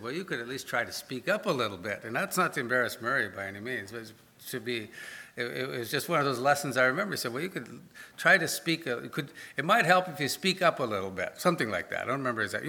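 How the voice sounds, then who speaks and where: A man's voice: medium pitch, bright, forceful tone. A male pastor giving an informal sermon, talking plainly and often stopping to correct himself. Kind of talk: conversational sermon.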